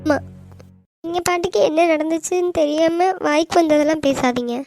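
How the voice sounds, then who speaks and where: A woman voicing a gentle, devoted young wife in a cartoon, talking in an earnest, pleading way. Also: high-pitched, moderate pace, no echo, soft background music. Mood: hurt, pleading. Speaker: voice actor. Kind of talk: animated cartoon dialogue.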